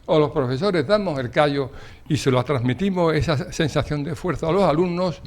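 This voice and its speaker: An older man speaks as a debate guest, telling a story with emphatic, indignant turns. His voice sits a little high for a man. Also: normal speed. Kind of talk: studio debate, telling an anecdote.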